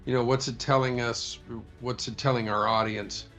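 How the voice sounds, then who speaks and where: A male producer answering an interview question in a thoughtful, measured way. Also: medium pitch, steady tone, fairly bright tone, soft background music. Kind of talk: press interview.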